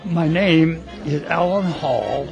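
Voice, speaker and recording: A man in his nineties from Indiana, speaking slowly and reflectively. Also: fairly high pitch, gravelly, muffled recording, music in the background. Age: 90s. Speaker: birthday honoree.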